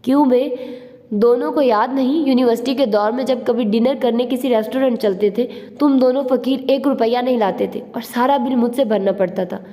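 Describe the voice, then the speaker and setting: A woman's voice: on the high side, a little fast, mellow, long reverb tail, natural voice. A woman reading the lines of a brash, joking young man in an audio novel, teasing and boastful.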